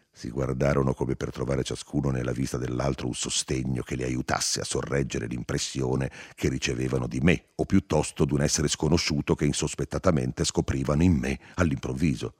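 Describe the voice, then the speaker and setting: Male audiobook narrator, expressive and dramatic; husky, very deep voice. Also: normal speed, no echo, studio quality. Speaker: audiobook reader.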